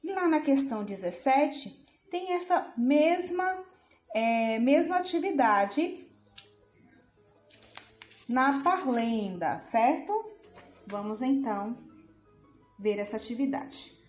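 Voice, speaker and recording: In this recorded remote school lesson, a woman teacher speaks slowly with drawn-out syllables, says words aloud more than once, and questions her pupil, often adding "certo?". She has a high-sitting voice with a darkish tone and lively intonation. Faint music plays behind her in an echoey, roomy space.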